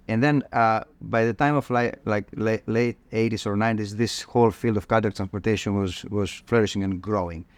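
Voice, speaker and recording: A man from Greece with a Greek accent, a cardiologist guest on a podcast, talking in a halting way with many fillers and restarts. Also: fairly low pitch, smooth, no echo. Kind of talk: podcast interview.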